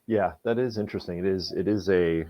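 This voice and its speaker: Podcast host, male, low voice, thoughtful and halting, dull dry lo-fi sound. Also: no room sound. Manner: reflective, repeats words while thinking. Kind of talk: casual podcast discussion.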